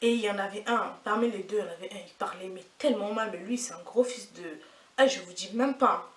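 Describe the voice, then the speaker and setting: A woman's voice: medium pitch, fast. Indignant young woman, echoey distant mic. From France. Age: 20s. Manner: indignant, animated, repetitive slangy retelling. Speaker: vlogger. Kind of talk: casual storytime.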